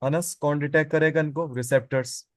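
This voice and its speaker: A man's voice: on the high side, fairly even intonation, brisk, dry recording. A man teaching biology in a classroom, asking his students questions and answering them himself, and repeating the key terms. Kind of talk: classroom lecture.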